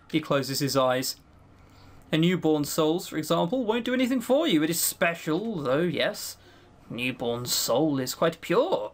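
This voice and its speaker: In a first-person audio roleplay, a voice actor plays an ancient fiend trapped in a circle for centuries, mocking and brooding before breaking into anguished outbursts. The voice is mid-range and the mood is musing.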